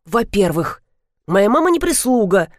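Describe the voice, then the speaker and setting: Woman doing a calm grown-up son, firm, stern when he needs to be. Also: medium pitch, a little slow, no room sound, studio quality. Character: composed adult son, firm and polite. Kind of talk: audiobook character voice.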